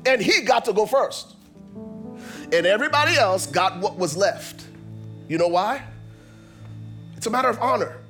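Pastor guy preaching, a bit high voice, keeps repeating himself for punch, soft music under it. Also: lively intonation, normal speed, pauses often. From Liberia. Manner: emphatic, repeats phrases, builds in rhythmic pairs. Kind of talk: sermon.

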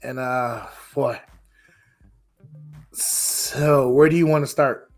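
Raspy, hoarse man hosting a podcast. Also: medium pitch, fairly even intonation, slow pace, faint music behind. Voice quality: raspy, rough voice. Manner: informal, frequent you-knows. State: hoarse from getting over a cold. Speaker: podcast host. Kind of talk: casual podcast chat.

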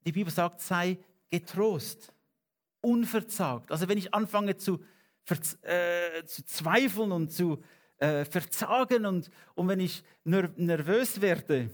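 A man preaching a sermon in German, earnest and pleading, with slow stressed phrases and lifts of emphasis. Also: high voice. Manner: earnest, rising to emphatic peaks.

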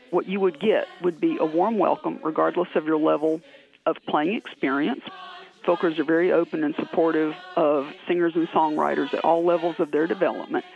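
A man's voice: fairly high pitch, creaky, dull audio. A man explaining a fan music community in an interview style. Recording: band-limited radio sound, faint music behind.

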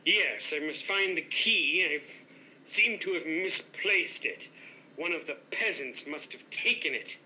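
Man doing a grandiose ghost innkeeper, bright and a bit high, talks down to mortals. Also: animated, a little slow, slight background noise, exaggerated voice, rough recording. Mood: haughty. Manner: haughty, grandiose, condescending. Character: pompous headless male ghost hotel master. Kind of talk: improv comedy scene.

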